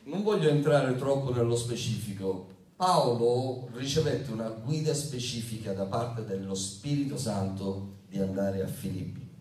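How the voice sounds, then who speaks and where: A male pastor preaches a sermon in a medium-pitched, darkish voice at a slightly slow pace, reading scripture aloud and cracking jokes along the way. He uses call-and-response, asking the congregation to repeat lines after him. The mic sits at a distance in an echoey hall.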